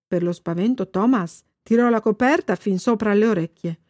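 A woman narrating a children's storybook in an expressive, lively way. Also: medium pitch, normal speed, no echo, studio quality. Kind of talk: storybook reading.

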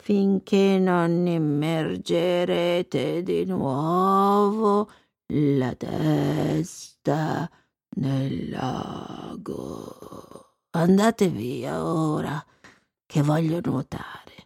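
Storybook: old frog witch, croaky, very deep, crawling pace, solemn. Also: darkish tone, no echo, clean studio sound, full character voice. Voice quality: croaky, gravelly. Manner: slow, drawn-out spell-casting delivery. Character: old female frog sorceress, scornful and solemn. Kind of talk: storybook reading.

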